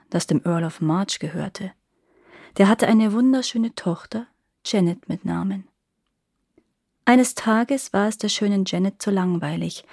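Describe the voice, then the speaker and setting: Female storyteller, mid-pitched, calm and measured fairy-tale narration, dry studio sound. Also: breathy edge, dry recording. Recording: dry close recording.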